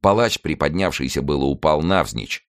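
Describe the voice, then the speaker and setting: A man narrating a classic novel as an audiobook, with dramatic, expressive storytelling. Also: very deep voice, normal speed. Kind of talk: scripted narration.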